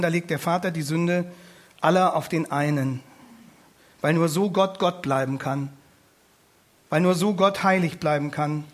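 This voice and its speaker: A man preaching a sermon in an impassioned, pleading way, repeating phrases and slowing down to stress words. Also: on the high side.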